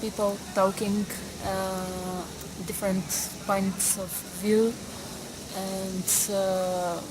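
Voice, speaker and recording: A woman of twenty-two, a student answering interview questions slowly, pausing often on fillers. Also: mid-range voice, flat delivery. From Bulgaria. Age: 20s. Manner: hesitant, many pauses and fillers. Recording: noisy background.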